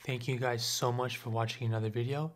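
A young gaming YouTuber of Lebanese Armenian background comments casually on gameplay at home, chatting with viewers and asking for comments. He talks a little fast, with a medium-pitched voice and steady tone.

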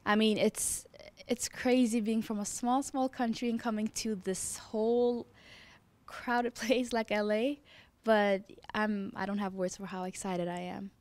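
A young Norwegian dancer, whose first language is Norwegian, gushes excitedly and laughs often while answering interview questions in an indoor lounge at a rehearsal studio. Her mid-range voice is unhurried, captured on a handheld mic held by the interviewer with no room sound.

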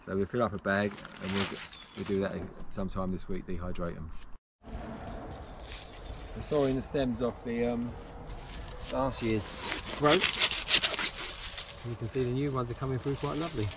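A man in his fifties from England, speaking in a mid-range voice at normal speed, pauses often as he explains each job on his outdoor allotment and in the polytunnel. It's a casual gardening vlog he hosts, relaxed and chatty with fillers, against a noisy background.

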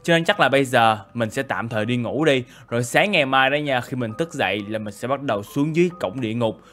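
A man doing chatty, excitable game role-play commentary with lots of filler tags. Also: medium pitch, fast talker, soft background music. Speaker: gaming YouTuber.

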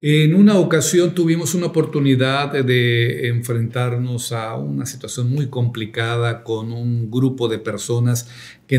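Mellow-voiced pastor telling a testimony. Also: male voice, medium pitch. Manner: reflective storytelling with hesitant fillers, rising to emphatic preaching.

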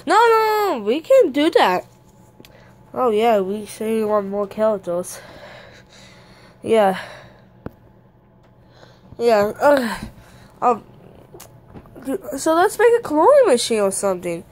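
A woman's voice: fairly high pitch, sing-song, slow, long pauses, darkish tone. A woman voicing every toy in an improvised plush toy skit, hesitant and repeating herself, with playful beeping sound effects. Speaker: plush video maker voicing all toys.

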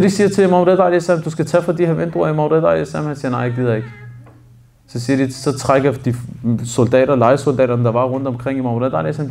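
A man's voice: a little high, vocal fry, a little mellow. A man, a sheikh, telling a religious story as a sermon and acting out the quoted speech of its people. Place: mosque.

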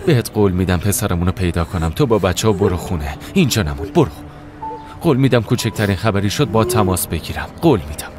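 A steady prosecutor father soothes and reassures. His voice is very low and firm. Music swells behind him. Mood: calm reassuring. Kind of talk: dubbed TV drama.

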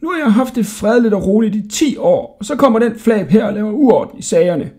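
A man's voice: sits high, very animated, mellow, slightly rough, pitched above the performer's own voice, heavily acted. A man voicing a bewildered, grumbling old male jailer in a storybook reading. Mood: angry. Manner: muttering, flustered.

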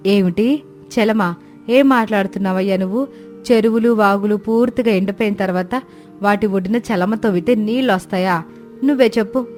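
A woman's voice: mid-range voice, moderate pace, a little mellow, soft background music, lightly acted. Devoted village wife, anxious and pleading; a woman voices her, cartoon story. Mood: doubtful.

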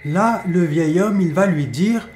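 A man's voice: high voice, slow, darkish tone, reverberant, soft background music. A man telling a horror story in a casual, repetitive spoken storytelling manner. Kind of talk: storytime narration.

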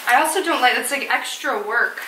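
Talking casually to a handheld camera held close, this twenty-something native Polish speaker vlogs from her living room, car and a store. She sounds high-pitched, fairly quick, pushed and bright, a little hoarse, with self-mocking chatter peppered with likes and ums; the poor audio carries some hiss or hum.

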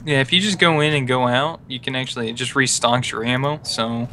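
A man's voice: mid-range voice, fairly even intonation, sharp tone, slight background noise. A young man joking and calling out enemies while playing a co-op stealth game with a friend. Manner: playful, goofy, gives quick callouts. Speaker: gaming co-host. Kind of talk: casual co-op gameplay commentary.

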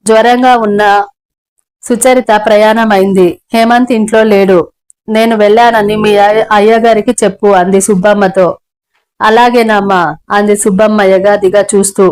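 A woman narrating an audio novel in a steady storytelling manner. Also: mid-range voice, rough recording. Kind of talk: scripted narration.

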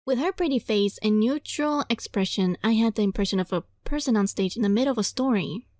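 With a fairly high pitch and a fairly quick pace, a woman reads a visual novel out loud in a dramatic style, reacting with lively, teasing exasperation and now and then stumbling. The recording is dry and clean, studio-grade.

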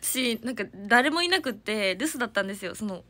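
A woman's voice: fairly high pitch, animated, fast talker, pushed and bright. A young woman, chatting casually and giggling on a livestream from her family home, reading out viewer comments. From Hiroshima, Japan. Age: young adult. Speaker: idol livestreamer.

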